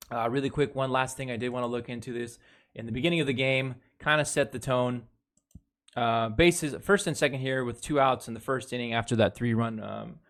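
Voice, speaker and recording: A man's voice: medium pitch, fairly bright tone. A man runs through a baseball series recap in a loose, casual way. He is blunt and swears freely while breaking down plays from footage. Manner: blunt and heavily profane; talks over game footage, reviewing plays. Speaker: baseball fan commentator. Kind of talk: casual sports recap commentary.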